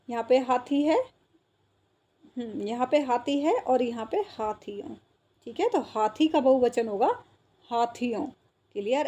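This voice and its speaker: Patient woman teacher, warm husky voice. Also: on the high side. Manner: patient, repeats words and checks understanding. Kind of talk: explaining a school textbook exercise.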